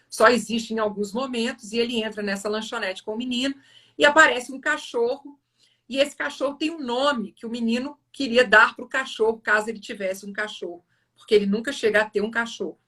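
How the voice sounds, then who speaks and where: A woman's voice: on the high side, fairly even intonation, sharp tone, distant mic. Earnest woman retelling a story. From Brazil. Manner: earnest, halting storytelling with restarts. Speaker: host of a live series. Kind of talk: retelling a film scene.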